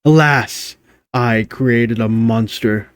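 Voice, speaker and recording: A man voicing a haughty gorilla genius with a deep, breathy voice, handing down slow, pompous verdicts. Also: no room sound, close to an everyday voice. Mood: theatrical. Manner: pompous, slow critical pronouncements.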